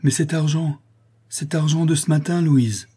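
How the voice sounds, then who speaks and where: Storybook figure: an anguished aging artisan father, husky and mellow but raised and insistent, read by a man. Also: medium pitch, lively intonation, moderate pace, voice pushed up. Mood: distraught pleading. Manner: pleading, agitated, raised voice.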